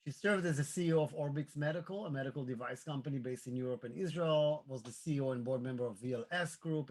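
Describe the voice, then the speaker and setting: A man hosting a live online interview, talking in a halting way with many fillers and restarts. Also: mid-range voice, rough recording. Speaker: host.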